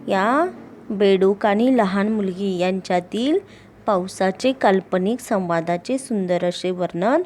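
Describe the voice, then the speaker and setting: A woman teacher with a Marathi accent speaks to her young pupils in a slow, unhurried voice with a middle pitch. She asks the class questions and then answers them herself. When she recites a poem, her voice takes on a sing-song lilt. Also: darkish tone, slight background noise. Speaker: primary school teacher.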